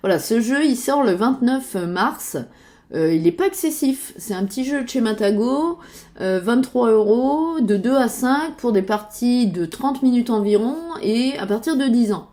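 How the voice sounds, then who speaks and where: This board game YouTuber has a fairly high, warm voice with lively intonation and speaks a little slowly. Browsing websites while casually talking about games, she pauses with lots of fillers and murmurs to herself.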